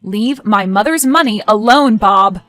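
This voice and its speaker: A woman playing a skeptical, sharp-tongued adult daughter in scripted story dialogue, expressive and conversational. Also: on the high side, fairly quick, no room sound. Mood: accusing.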